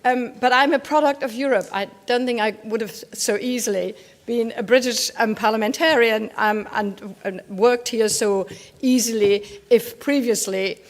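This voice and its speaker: A woman, a member of parliament speaking personally and haltingly in a formal assembly. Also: a little high, steady tone. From Germany. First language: German. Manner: warm, personal, halting with restarts. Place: large assembly chamber. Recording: long hall reverb.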